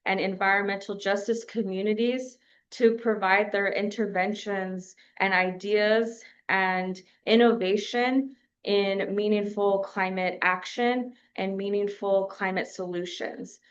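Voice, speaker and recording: A woman from New Mexico addresses a press conference in an even, flat tone, pausing often on fillers. The recording is dull and lo-fi. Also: medium pitch. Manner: measured, with frequent filler pauses.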